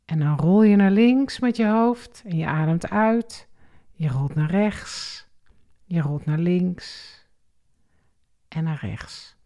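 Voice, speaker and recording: A woman calmly guiding a relaxation and breathing exercise step by step, counting the breaths. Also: fairly low pitch. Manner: slow, calm step-by-step guidance with counted breaths. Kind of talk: guided exercise instruction.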